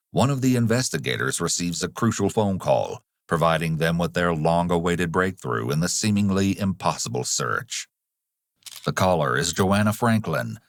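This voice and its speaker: A man with a very deep voice narrating a true-crime story from a script. His delivery is measured and dramatic. The sound is dry and close, with no room around it. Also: no room sound.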